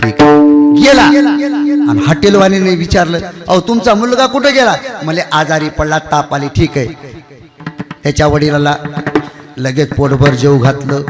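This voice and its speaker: A man from the Marathwada region preaching a devotional kirtan sermon with stories, singing verses and switching between loud declaiming and hushed asides in a temple hall. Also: fairly high pitch, normal speed, long pauses. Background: tabla and music.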